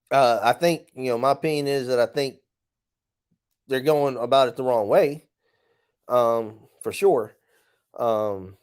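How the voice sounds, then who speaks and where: A man's voice: medium pitch, a little mellow. Rambling man with blunt opinions. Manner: rambling, many fillers and restarts; blunt, mildly profane. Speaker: podcast host. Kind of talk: casual opinion monologue.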